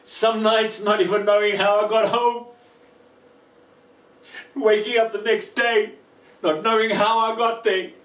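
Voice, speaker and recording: Slow-preaching man in an echoey hall. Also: sits high, little pitch movement, a bit bright, far from the mic. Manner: slow, emotional, dramatic pauses. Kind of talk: testimony sermon.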